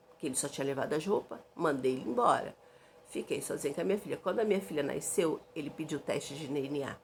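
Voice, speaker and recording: A woman's voice: lowish voice, gravelly, a little mellow, slight background noise. A young woman telling a dramatic personal story in an emphatic way.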